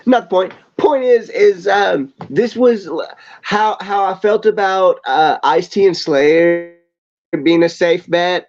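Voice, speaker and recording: Rambling man chatting about old albums. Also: on the high side. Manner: rambling, restarts and storytelling asides. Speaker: podcast co-host. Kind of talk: casual chat. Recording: slightly dull lo-fi podcast audio.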